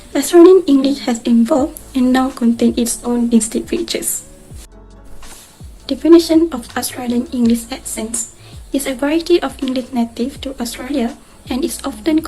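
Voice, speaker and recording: A woman student reading a scripted class presentation at a steady pace. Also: a little high, low-quality recording. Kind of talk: read-aloud class presentation.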